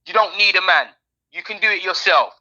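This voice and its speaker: A man's voice: sits high, a little fast, sharp tone, muffled recording. A man co-hosting a podcast in casual, opinionated, slangy chat. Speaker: podcast co-host.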